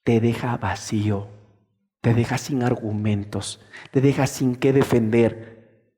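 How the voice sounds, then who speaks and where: A male pastor preaching a sermon in a lively way, acting out the voices of churchgoers as he goes. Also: mid-range voice, takes it slowly, big-room sound.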